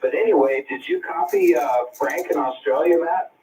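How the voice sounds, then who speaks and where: A man running an amateur radio net, reading call signs phonetically in a relaxed, halting way, heard over a radio link with static. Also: a little high, far from the mic, rough recording. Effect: heard over a shortwave radio link with static. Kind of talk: ham radio net conversation.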